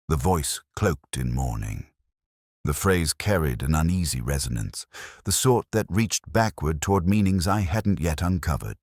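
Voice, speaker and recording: A man with a low, exaggerated voice plays a brooding, introspective police detective narrating a case in the first person for a mystery audio drama. His delivery is measured, grave and literary, recorded with studio quality and no room sound.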